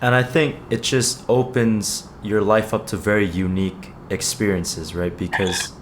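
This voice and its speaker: Guy hosting a podcast, lowish voice, polite careful questions. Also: fairly even intonation, a little slow, slight background noise. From Malaysia. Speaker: podcast host. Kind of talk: casual interview.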